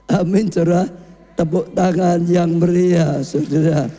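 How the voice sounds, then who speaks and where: A man preaching a sermon as pastor, speaking, calling on the congregation with questions, dropping low, then rising to shouts. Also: steady tone, measured pace, big-room sound. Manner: calls the congregation "saudara", asks questions, swings from low to raised shouting.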